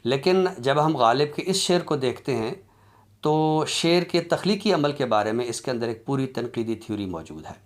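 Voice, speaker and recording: Speaking at medium pitch and with animation, this Urdu-accented man gives a formal literature lecture. His pace is measured and deliberate, marked by pauses and long, drawn-out fillers.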